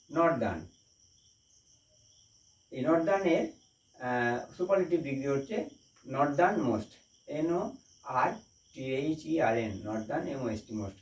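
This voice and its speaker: A man's voice: a little high, recorded from a distance. Man spelling out words in an echoey room. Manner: spells words letter by letter, repeats each word. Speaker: English grammar teacher. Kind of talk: slow spelled-out grammar lesson.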